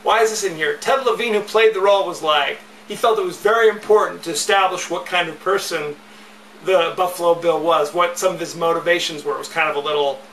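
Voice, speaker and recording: Chatty podcast guy, bright tense voice, bit of fry, rambles on. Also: high-pitched, echoey room, recorded from a distance, a little hiss or hum, low-quality recording. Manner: chatty, rambling, repeats catchphrases. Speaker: podcast host. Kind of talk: casual solo podcast talk.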